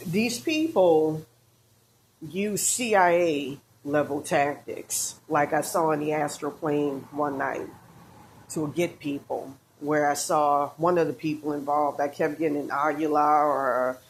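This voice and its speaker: A woman with a low-pitched voice talks in a loose, rambling monologue, stopping and restarting with many fillers. She sounds woozy and out of breath. A faint hiss sits under the recording. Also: slow pace. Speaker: tarot reader.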